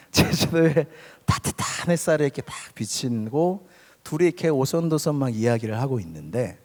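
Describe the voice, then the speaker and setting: Young man, pastor, youth sermon, very expressive pitch, long hall echo, talks directly to listeners. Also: normal speed. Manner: conversational, often addresses listeners directly; swings between loud emphasis and soft near-whispers. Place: church sanctuary.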